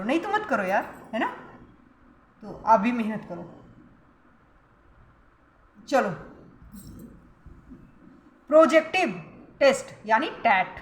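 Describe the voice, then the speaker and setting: A woman teacher with Indian-accented English words, coaching students for an exam in a coaxing way and often asking if they follow. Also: high-pitched. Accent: Indian English words mixed into Hindi. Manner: coaxing, calls students beta, keeps asking "correct?". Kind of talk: exam-prep lesson. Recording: echoey room with faint noise.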